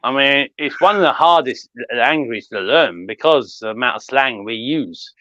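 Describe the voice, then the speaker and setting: A man's voice: mid-range voice, lively intonation, moderate pace, bright, forceful tone, dry recording. A British man chatting easily on a livestream, hesitant, with fillers. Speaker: livestream guest. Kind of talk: casual chat. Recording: dull, lo-fi stream audio.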